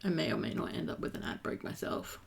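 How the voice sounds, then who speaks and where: A woman's voice: quick pace, slight background noise. An Australian woman hosting a casual art stream, chatting in a joking, self-mocking way. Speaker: stream host.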